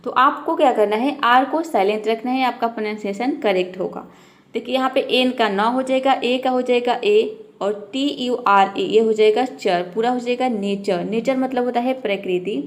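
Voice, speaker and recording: A woman walks beginners through English spelling and sound rules, one example word at a time. Her voice sits a little high, and she keeps circling back to ask the viewer what comes next, repeating each point patiently. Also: moderate pace. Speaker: English teacher. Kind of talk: step-by-step pronunciation lesson.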